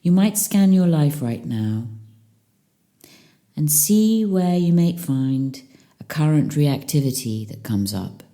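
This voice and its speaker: Her voice sitting low, a female meditation teacher guides a session in a calm, soothing way. Long pauses separate her phrases.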